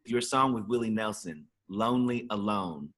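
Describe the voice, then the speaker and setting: A man hosting an entertainment interview, asking questions eagerly and reacting quickly. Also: on the low side, animated, fairly bright tone. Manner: enthusiastic, fast, quick to react. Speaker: entertainment show host. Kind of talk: casual interview.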